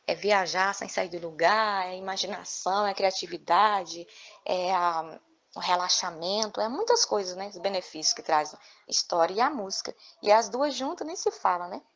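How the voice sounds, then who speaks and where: A woman storyteller telling a folk tale in an animated way, often adding tag questions. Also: mid-range voice, moderate pace. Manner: lively, frequent tag questions.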